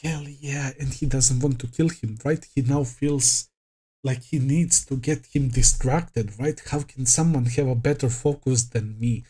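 Excitable man reacting, slow-spoken. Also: medium pitch, slightly rough. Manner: excitable, shouts out and laughs often, swears freely. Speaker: anime reaction host. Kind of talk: casual reaction commentary.

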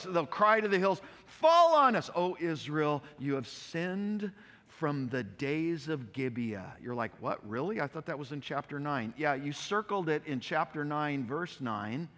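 A male pastor giving a conversational, animated expository sermon, often repeating himself. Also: on the high side. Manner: conversational, animated preaching with repetitions. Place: church sanctuary. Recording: long hall reverb.

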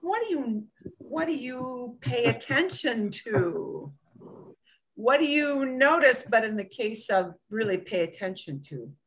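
A woman's voice: a little high, expressive, slow pace. A woman from Michigan teaching Spanish in an online class, patiently explaining and switching into English to clarify. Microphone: video call.

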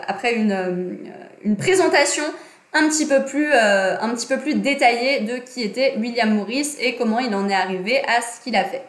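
Her voice is a little high, and the small room she streams from has a noticeable echo. This young woman hosts a chatty, casual livestream lesson about design and politics at her desk, with frequent fillers and self-corrections.

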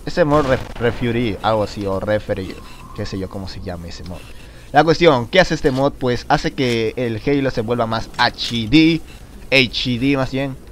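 A man with a mid-range voice talks through his shooter gameplay in a casual, excitable way. He swears often and chatters at his viewers and at the game. A faint hiss sits under the recording. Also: medium pitch, moderate pace. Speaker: gameplay commentator.

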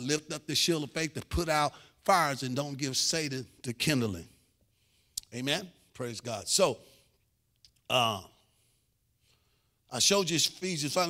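A middle-aged man, preaching a sermon as pastor, who swings between quiet asides, loud shouts and sung-out lines and acts out family arguments in different voices. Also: mid-range voice. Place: church.

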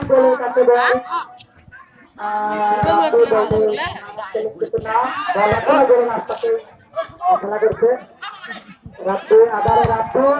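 An excited Bangladeshi-accented commentator calls a local football match play by play, often repeating players' names. The voice sits away from the mic with a noticeable echo. A crowd is clearly audible around it. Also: mid-range voice. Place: outdoor local football ground. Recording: distant echoey outdoor mic, crowd noise.

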